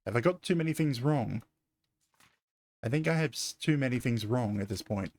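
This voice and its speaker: A man's voice: medium pitch, animated, normal speed, a little mellow. A man streaming a mystery game, thinking aloud in a hesitant, self-correcting way. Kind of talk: casual gameplay commentary.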